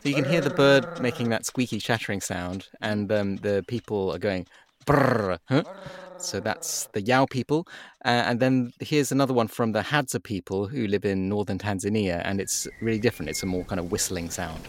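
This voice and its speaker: A man's voice: fairly low pitch, fairly quick. A man, a magazine editor, explaining a science story in an enthusiastic, conversational way with some fillers and restarts.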